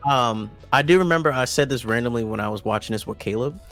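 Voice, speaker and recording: A man's voice: mid-range voice, quick pace, fairly bright tone, soft background music. A man co-hosting an anime podcast, talking in a loose, rambling way with lots of restarts and fillers. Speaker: podcast co-host. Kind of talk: casual chat.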